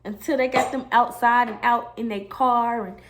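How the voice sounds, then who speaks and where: Young woman, high voice, lively storytime vlogger who swears freely. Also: normal speed, slight background noise. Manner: animated and emotional, swearing, addressing viewers as y'all. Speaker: beauty vlogger telling a storytime. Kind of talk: casual storytime.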